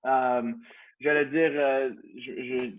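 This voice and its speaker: A man in his thirties with a Canadian French accent, a CrossFit gym owner, is a guest in a casual interview, heard over a tinny, phone-like line. His voice is medium-pitched and level, and he takes it slowly, speaking hesitantly with many restarts.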